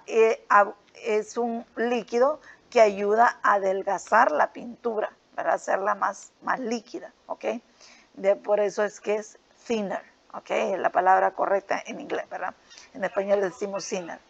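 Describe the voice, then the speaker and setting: A woman teaching English grammar to school students, explaining a worksheet step by step and checking in often with "ok?" and "right?". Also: medium pitch. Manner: patient, repeats "¿ok?" and "¿verdad?" often. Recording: dull lo-fi sound.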